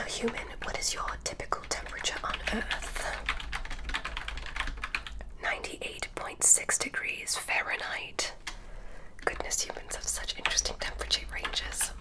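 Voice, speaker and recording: In an ASMR medical roleplay, a woman plays a polite, inquisitive female alien doctor who examines a human. Recorded on a close mic, she speaks in a breathy whisper, slow and soft, giving gentle instructions.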